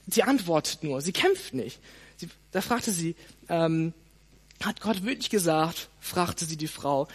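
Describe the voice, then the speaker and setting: Preaching straight to the people in front of him, he peppers his talk with "hey" and "ne?" and keeps the delivery lively and varied. The voice is high-pitched and husky.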